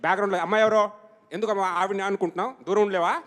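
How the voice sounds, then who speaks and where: A man's voice: sits high, steady tone, very fast, long reverb tail. A man imitating an impatient male film director who scolds his crew. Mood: scolding. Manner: shouting, scolding, bossy. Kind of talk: stage impression.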